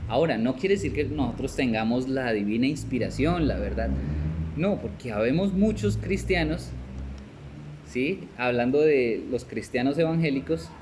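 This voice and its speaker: A man's voice: mid-range voice, animated, moderate pace, background noise. A man with a Colombian Spanish accent, teaching a discipleship class in a conversational way, often checking in with "right?" and laughing now and then. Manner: conversational, asks "¿cierto?" and "¿sí?" often, laughs, acts out little scenes.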